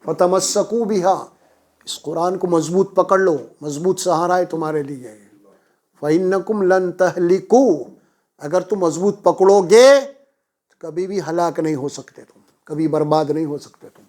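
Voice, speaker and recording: High-voiced preacher man chanting verses. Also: darkish tone. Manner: preaching with rising emphasis, chanting Arabic verses. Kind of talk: Quran lesson sermon.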